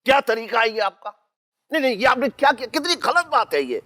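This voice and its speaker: A middle-aged man caught out and scrambling for excuses. His voice sits fairly high, and he stammers and protests in a fussy, defensive sitcom style. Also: lively intonation, fairly quick, fairly bright tone. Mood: flustered. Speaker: sitcom actor. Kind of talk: TV sitcom acting.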